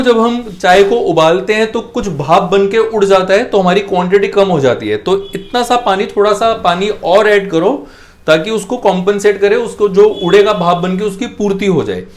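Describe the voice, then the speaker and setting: A man with a Punjabi accent and a high voice teaches English over a cooking demonstration. He explains patiently and repeats himself, and each time he voices an English phrase he slows to a careful, deliberate pace. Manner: switches to English and says the phrases slowly and carefully. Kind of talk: cooking demo as a spoken English lesson.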